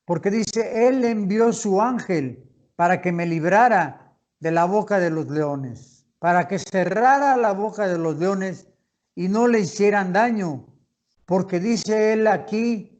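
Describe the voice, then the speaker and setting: Slow, high-voiced man teaching scripture. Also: a little mellow, lo-fi sound. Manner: slow, deliberate reading with pauses and restarts. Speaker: Bible study teacher. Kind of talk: Bible study lesson, reading and explaining scripture.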